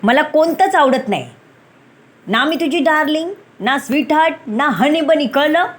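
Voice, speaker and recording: A woman doing a furious young woman shouting. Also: sits high, animated, measured pace. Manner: shouting, defiant.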